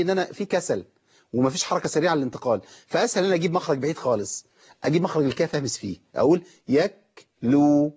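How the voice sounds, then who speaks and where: A man with an Egyptian Arabic accent teaches Quran recitation on television, walking viewers step by step through how to pronounce Quranic letters and quizzing them along the way. His medium-pitched voice is a little mellow and slightly rough, and the recording sounds muffled.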